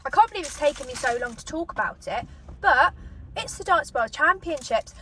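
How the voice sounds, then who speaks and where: A British woman with a high voice hosts a casual mukbang, talking between mouthfuls and pausing for bites. She sounds a little away from the microphone, with clear noise behind her. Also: expressive. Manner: eating as she talks, with pauses for bites. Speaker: mukbang host eating and reviewing food. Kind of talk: casual chat to camera while eating. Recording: distant microphone, noticeable background noise.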